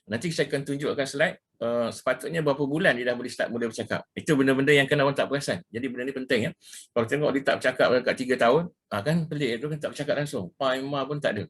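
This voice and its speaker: A man's voice: medium pitch, very fast, a bit bright, husky. A middle-aged man with a Malaysian Malay accent giving an informal lecture with slides, repeating himself and dropping in English words. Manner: casual, repetitive, mixes in English words, frequent "ya" and "ha". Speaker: ruqyah practitioner giving a talk.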